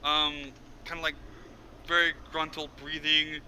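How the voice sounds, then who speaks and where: Male game master, high and very bright voice, casual and profane. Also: completely flat delivery, measured pace, a little hiss or hum, poor audio. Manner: casual, swears freely. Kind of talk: narrating a tabletop game.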